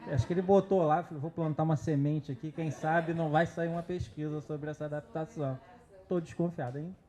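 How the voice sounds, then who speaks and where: A man's voice: fairly high pitch, fairly even intonation, a little fast, mellow. A man moderating an academic panel in a playful, teasing way.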